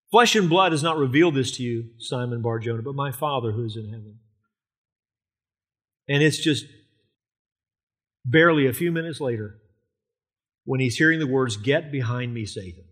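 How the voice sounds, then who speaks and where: A man delivers an expository sermon in a voice of ordinary middle pitch, a little husky. He reads scripture aloud and lifts his voice for emphasis as he explains it. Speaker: preacher.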